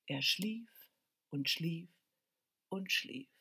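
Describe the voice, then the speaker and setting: A woman's voice: lowish voice, lively intonation, extremely slow, gravelly, pushed and bright, slightly rough. A woman telling a children's story in a lilting voice, speaking to the listeners directly.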